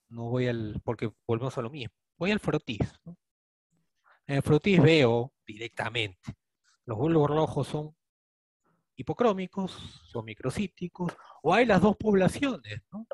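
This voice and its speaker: A man's voice: medium pitch, dry recording. Peruvian man teaching a case, dry sound. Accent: Peruvian Spanish. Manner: explains step by step, often asks students questions with a rhetorical "¿no?". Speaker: attending physician teaching a case discussion. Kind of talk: clinical teaching, thinking aloud.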